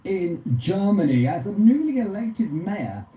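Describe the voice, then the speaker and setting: A woman presenting a breaking news report in a measured newsreader manner, played back as a clip. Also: medium pitch, very animated. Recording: dull, roomy clip with background noise.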